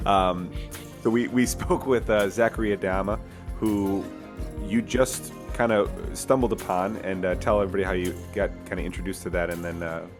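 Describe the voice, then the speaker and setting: A man co-hosting a podcast, giving a casual introduction with hesitant pauses. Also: sits low, fairly even intonation, music in the background. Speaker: podcast co-host.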